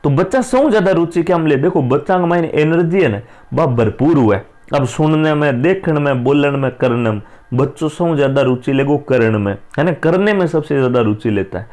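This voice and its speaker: Rajasthani guy teaching exam prep, kinda high voice, chatty and loose. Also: animated, a little fast, a little mellow. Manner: casual, chatty, mixes dialect with Hindi. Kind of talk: exam-prep lesson, explaining answers.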